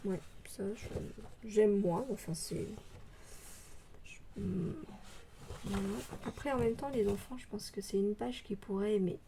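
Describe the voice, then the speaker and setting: A woman vlogger chatting casually about scrapbooking papers, hesitant with many fillers, pausing to read labels aloud slowly. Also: medium pitch, background noise. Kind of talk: casual show-and-tell haul. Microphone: phone.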